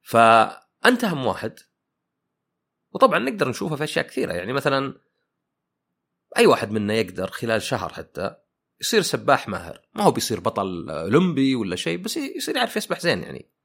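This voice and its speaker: A man's voice: mid-range voice, wildly swooping pitch, quick pace, vocal fry, long pauses, a bit bright, slightly rough. A man hosting a podcast, thinking aloud in a casual reflective monologue full of fillers and rhetorical questions. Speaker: podcast host.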